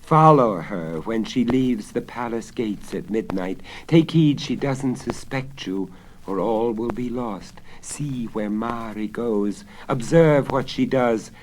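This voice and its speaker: A man's voice: mid-range voice, expressive, takes it slowly. A man voicing a desperate, lovesick king with impassioned, commanding theatrical delivery in a storybook reading on crackly vinyl. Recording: crackly 1970s vinyl spoken-word record.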